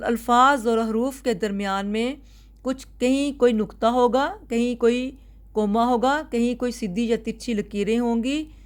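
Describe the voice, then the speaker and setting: A woman teacher, giving a recorded grammar lecture to her students. She explains slowly and carefully, often restating a point before moving on. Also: on the high side.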